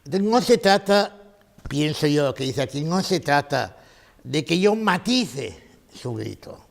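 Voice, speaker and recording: A man's voice: on the high side, very animated, a little slow, vocal fry. A man giving a conference lecture, emphatic, repeating his key phrases and asking rhetorical questions.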